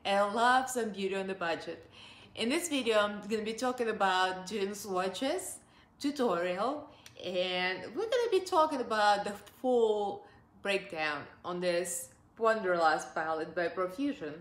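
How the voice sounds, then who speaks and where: Her mid-range voice carries lively intonation at an unhurried pace, with a roomy sound around it. She's a Russian-accented beauty vlogger in her forties from Russia, talking upbeat and laughing a lot as she reviews makeup from her sofa in the living room.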